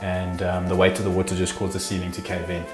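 A man's voice: low-pitched, completely flat delivery, quick pace. A man, hosting a casual walkthrough of an empty old house and chuckling as he points things out. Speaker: house flipper and show host. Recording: echoey empty rooms, light music.

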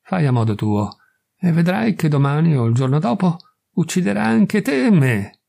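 Brief: a man reading a hoarse, grim frontier husband, stubborn and harsh, gravelly. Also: fairly high pitch, very animated, moderate pace, warm tone, full character voice.

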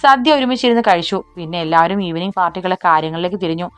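A woman narrating a romance audiobook in a steady storytelling manner. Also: fairly low pitch, quick pace, smooth, dry recording, faint music behind.

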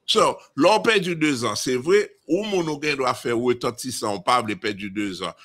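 A man's voice: medium pitch, moderate pace, fairly bright tone. A man from Haiti with a Haitian accent, talking emphatically in a casual discussion and often repeating and restarting phrases.

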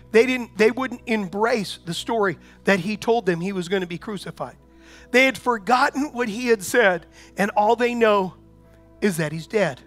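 Over soft music, a man with a very high voice gives a sermon as a pastor. His delivery is conversational and full of rhetorical questions, at times swelling into loud declarations.

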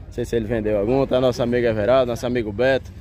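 This vlogger races through his commentary at a livestock fair, speaking in a warm, medium-pitched voice with fairly even intonation. He's from Pernambuco, with a Northeastern Brazilian accent, filming outdoors on a handheld phone, chatting folksily, greeting viewers and repeating phrases.

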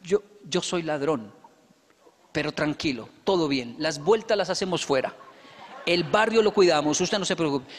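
A man voicing a friendly adult male neighborhood thief who speaks calmly and reassuringly, recorded in a hall with long reverb. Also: on the high side, normal speed, slight background noise, pitched below the performer's own voice, close to an everyday voice.

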